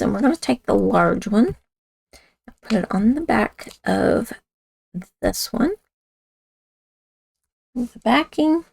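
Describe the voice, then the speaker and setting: Raspy woman demoing a craft, slow. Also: fairly high pitch, darkish tone, no echo. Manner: chatty, talks while working with hands, self-correcting. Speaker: craft instructor. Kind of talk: casual craft tutorial.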